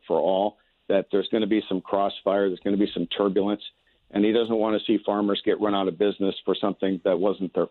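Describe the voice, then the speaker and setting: Over a tinny, narrow telephone connection, an American man running for office fields a radio interview. His pitch is fairly low and there's no room sound. He leans on folksy stump-speech wording and stumbles into hesitant repeats.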